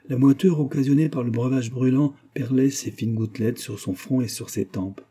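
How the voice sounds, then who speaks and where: A man with a slightly rough voice on the low side narrates a classic novel for an audiobook, keeping his scripted delivery measured and even.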